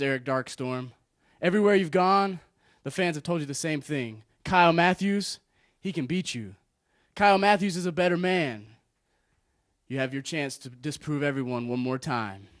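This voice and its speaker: A man's voice: fairly high pitch, dry recording, studio quality. A man giving a wrestling promo in an earnest, emphatic, challenging manner. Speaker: professional wrestler.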